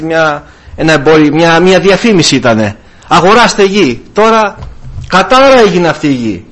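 A man preaching an evangelical sermon, calling out to his brothers and swinging his voice up and down for emphasis. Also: a bit bright. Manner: repeatedly addresses "brothers", rises and drops in pitch for emphasis.

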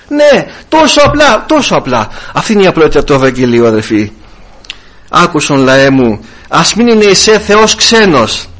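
A man preaching an evangelical sermon, calling out to his brothers and swinging his voice up and down for emphasis. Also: a bit bright. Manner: repeatedly addresses "brothers", rises and drops in pitch for emphasis.

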